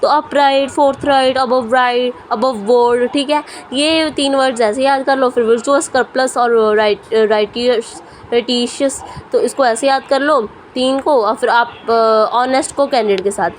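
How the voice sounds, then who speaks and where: High-voiced woman teacher drilling words. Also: fairly even intonation, moderate pace, a little hiss or hum. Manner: repetitive drilling, mixing Hindi and English. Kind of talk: vocabulary lesson.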